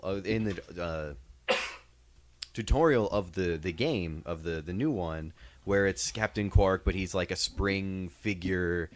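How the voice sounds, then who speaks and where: A man with a deep, low voice co-hosts a podcast in loose casual chat. He rambles in a laid-back way and laughs easily. The sound is close and dry. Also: dry recording. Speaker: podcast co-host.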